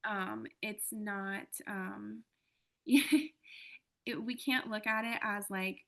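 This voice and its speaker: A woman speaking as an interview guest, reflective and earnest, pausing often as she thinks aloud. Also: medium pitch, steady tone, pushed and bright. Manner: earnest, thoughtful, many "um" and "like" pauses.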